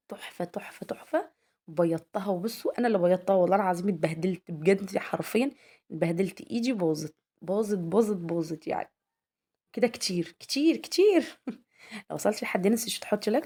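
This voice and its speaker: Egyptian woman, young adult, home vlog, very fast chatty talk, mellow voice. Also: medium pitch. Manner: chatty, addresses viewers as girls, asks their opinion. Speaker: homemaker vlogger.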